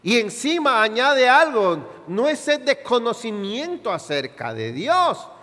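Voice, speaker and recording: Preaching in a reverberant church hall, a pastor with a Chilean Spanish accent sounds very high-pitched and very animated. He puts questions to his congregation and breaks into sudden shouted climaxes on slow, stressed words.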